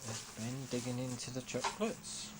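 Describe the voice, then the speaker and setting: A woman with a very low voice films her family and narrates with lively, swooping intonation. She keeps telling people to look at the camera and say hello. The sound carries the clear hiss of an old VHS camcorder tape. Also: moderate pace. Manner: lively, amused, prompting others to speak. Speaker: person filming the home video. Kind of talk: casual home-video narration. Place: family home indoors. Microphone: camcorder mic, filming.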